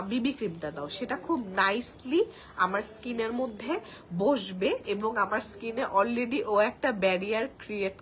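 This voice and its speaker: A woman with a Bangladeshi accent chatting through a live makeup demo, speaking softly because she has a cold and a sore throat. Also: medium pitch, slight background noise. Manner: talks softly while applying makeup, chatty. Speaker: makeup brand presenter. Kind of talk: live product demo chat.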